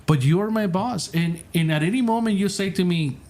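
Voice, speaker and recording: A man's voice: high voice, moderate pace, a little mellow. A man who is a pastor, earnestly telling a story in casual conversation and stringing his sentences together with repeated "and.".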